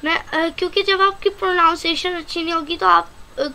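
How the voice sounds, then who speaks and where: A woman with a Pakistani Urdu accent teaching an online language lesson, slowly repeating each vocabulary word and calling her viewers friends. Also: very high voice, steady tone, bright, forceful tone. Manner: slow, careful repetition of vocabulary.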